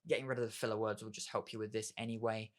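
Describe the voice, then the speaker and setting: A man's voice: fairly low pitch, flat delivery, very fast. A man giving a casual talk on communication skills, rambling and leaning on filler phrases while he restarts sentences. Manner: rambling, leans on "obviously" and "kind of"; acts out sample dialogue in a brighter voice.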